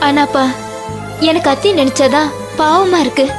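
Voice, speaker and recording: Woman doing a sad caring daughter, high bright voice, music behind. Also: moderate pace, lightly acted. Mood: sorrowful. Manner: sorrowful, worried. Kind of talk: TV serial acting. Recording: background music score.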